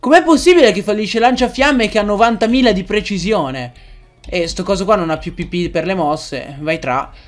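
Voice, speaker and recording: An excitable young man with a high voice chats casually through a game, breaking into shouts and curses whenever a move fails. Quiet music plays faintly underneath. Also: normal speed. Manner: excitable, yells and swears at the game. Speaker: gaming let's-player. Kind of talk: casual gameplay commentary.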